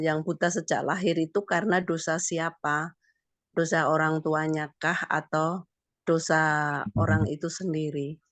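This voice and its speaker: Hoarse woman, study group member, polite and careful, dry close sound. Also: low-pitched, no room sound. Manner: polite, careful, reasoning aloud. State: hoarse from coughing. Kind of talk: polite question in group discussion.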